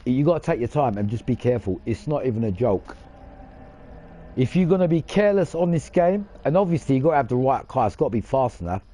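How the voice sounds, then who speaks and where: A man with a dark, mellow voice talks casually over his racing gameplay. He rambles, restarts his sentences and drops the odd swear word. His tone is boastful, and his pitch sits at an ordinary middle. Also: sing-song, fast. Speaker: gaming channel host. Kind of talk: casual gaming commentary.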